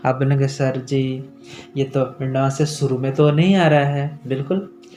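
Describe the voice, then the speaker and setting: A man teaching letter sounds slowly and clearly, stretching syllables and often checking that viewers follow. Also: mid-range voice, level tone, mellow, faint music behind. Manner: slow, drawn-out syllables, frequent check-ins with the viewer. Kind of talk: pronunciation lesson for children.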